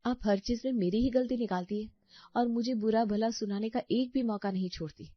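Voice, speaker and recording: A woman's voice: on the high side, a little fast, no room sound, lightly acted. Woman doing a sweet polite young bahu type, pleading, cartoon story, dry muffled sound. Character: gentle patient young daughter-in-law. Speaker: voice actor. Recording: dry, slightly dull audio.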